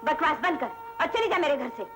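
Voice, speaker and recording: Stern mistress of the house, high and scolding, 1960s film soundtrack. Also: female voice, expressive, a little fast. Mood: angry. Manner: scolding, commanding. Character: stern rich lady of the house, imperious. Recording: old film soundtrack with music.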